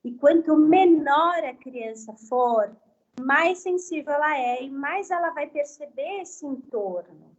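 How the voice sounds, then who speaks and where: Woman speech therapist guest, high voice, gentle, explanatory, dull lo-fi sound. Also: lively intonation, slow. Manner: gentle explanatory tone, frequent tag questions. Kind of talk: live online health talk.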